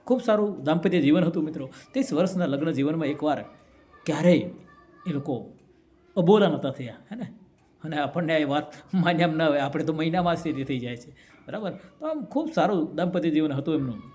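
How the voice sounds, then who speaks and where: Telling a folk parable to a community gathering, this man delivers a motivational speech and keeps checking in with "right?" His voice sits fairly high and sounds a little mellow, animated and somewhat fast.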